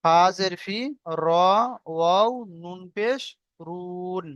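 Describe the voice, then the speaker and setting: A man teaching Quran reading, chanting verses slowly and then spelling out each letter and vowel mark. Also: high voice, clean tone, dry recording, dull audio.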